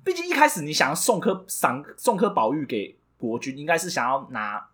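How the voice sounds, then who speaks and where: A man's voice: fairly high pitch, sing-song, a little fast, a bit bright, breathy edge. A man with a Taiwanese Mandarin accent co-hosting a podcast, telling a story animatedly and jokingly, stumbling over restarts. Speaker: podcast co-host. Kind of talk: casual comedic chat.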